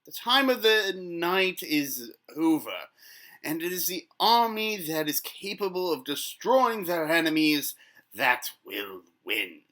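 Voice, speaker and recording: A scornful medieval pundit, played by a man argues his case emphatically in a mock news debate. His voice is fairly high and forceful, with very lively swings in pitch. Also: slow, exaggerated voice. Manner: emphatic, argumentative. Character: combative male medieval war pundit, scornful and argumentative.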